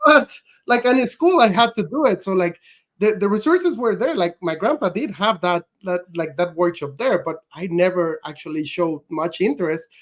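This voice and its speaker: A man's voice: sits high, lively intonation, moderate pace. Man, rambling chat. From northern Mexico. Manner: rambling, heavy use of "like". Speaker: guest. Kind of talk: casual chat.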